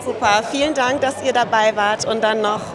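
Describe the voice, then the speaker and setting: A woman's voice: on the high side, fairly even intonation, moderate pace. A woman interviewing people on site at an event in a friendly, chatty way. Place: event venue, a gym hall. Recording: crowd chatter at a busy event.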